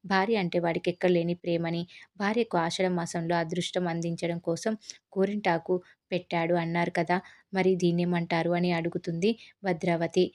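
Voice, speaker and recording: Woman narrating a tv serial recap, low voice, pretty monotone. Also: normal speed. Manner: steady storytelling.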